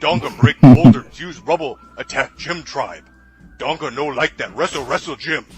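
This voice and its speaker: A man's voice: medium pitch, moderate pace, over loud music, close to an everyday voice. A man voicing a dim-witted, boastful caveman who talks in broken, grunting phrases and laughs as he goes.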